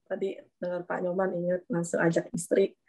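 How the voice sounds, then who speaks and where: A woman's voice: on the low side, monotone, fairly quick, mellow. A woman hosting a church program, responding to her guest in a chatty, affirming way with many tag questions. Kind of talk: casual chat.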